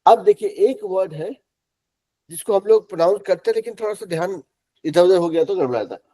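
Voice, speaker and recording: A middle-aged man from Bihar teaching English pronunciation in a classroom, spelling words out letter by letter and repeating them slowly. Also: high-pitched, warm tone. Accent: Bihari Hindi. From Bihar, India.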